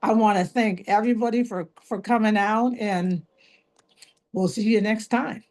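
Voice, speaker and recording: A woman's voice: mid-range voice, moderate pace, a little mellow. A middle-aged woman mentor giving chatty, self-deprecating closing remarks on a video call, often restarting her phrases. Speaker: youth mentor and coach.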